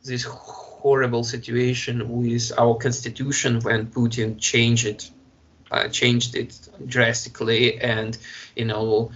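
A man from Russia with a Russian accent, speaking English in a halting way with many fillers and restarts as an interview guest. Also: medium pitch, flat delivery, a bit bright, dull audio. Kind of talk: conversational interview.

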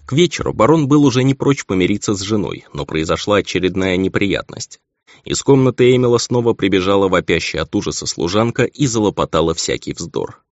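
A man narrating a dramatic audiobook with expressive storytelling, on a dull, lo-fi recording. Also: low-pitched, fairly quick, no echo.

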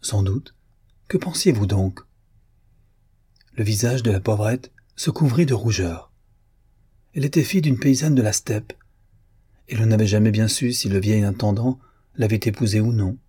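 A man narrating a classic novel as an audiobook, in a measured, even storytelling manner. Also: fairly low pitch, husky, no echo, clean studio sound. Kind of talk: literary novel reading.

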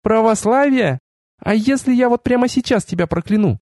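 In a dry, close recording, a male narrator plays a haughty young goddess who turns from teasing to furious in a raised, lively voice. She is imperious and quick to flare up. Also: sits high, dry recording, voice pushed up. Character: haughty proud goddess, young woman, hot-tempered.

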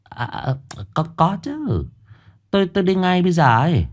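A man voicing an older village wife, in a flustered falsetto. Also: very animated, normal speed.

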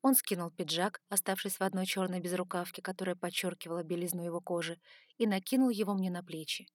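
A woman's voice: fairly low pitch, steady tone, quick pace, dry recording, studio quality. Woman narrating a fantasy audiobook.

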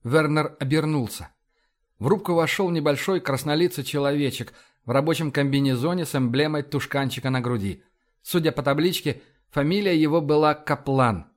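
A man reads an audiobook aloud in a lively storytelling manner. His voice sits a little high for a man. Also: moderate pace. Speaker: audiobook narrator. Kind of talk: audiobook narration.

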